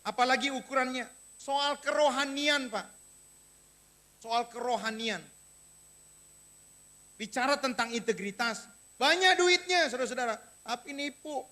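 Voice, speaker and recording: A man preaching a sermon to his congregation, animated and direct, who often drops into quiet asides and speaks. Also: extremely high pitch, unhurried, long pauses. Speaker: pastor.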